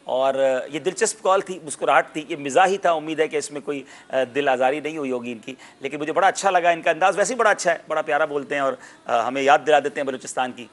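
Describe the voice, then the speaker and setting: A man hosting a televised quiz with a high, bright, forceful voice. He is lively and teacherly, explaining how words should be pronounced, and he gets loud when he announces a correct answer. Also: hardly any pauses. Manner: explains word pronunciations like a teacher. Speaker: quiz show host.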